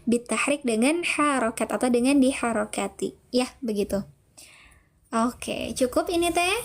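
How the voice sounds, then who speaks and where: High-voiced woman teaching tajwid. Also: measured pace. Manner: patient, explains step by step, reads chat names aloud. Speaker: Quran teacher. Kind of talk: online tajwid lesson, answering chat.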